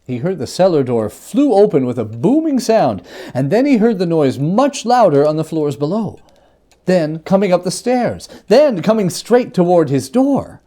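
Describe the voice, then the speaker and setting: A male reader performs classic ghostly fiction dramatically, leaning theatrically into expressive, emphatic phrases. His voice is mellow and high-pitched, with a very lively melodic range, and he reads at normal speed.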